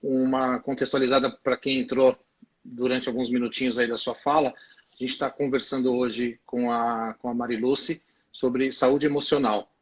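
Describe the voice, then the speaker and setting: A man's voice: mid-range voice, little pitch movement, moderate pace, slightly rough. A man with a Brazilian Portuguese accent hosting a live video interview, recapping for viewers and posing questions with hesitant fillers. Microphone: video call. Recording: dull lo-fi video call audio.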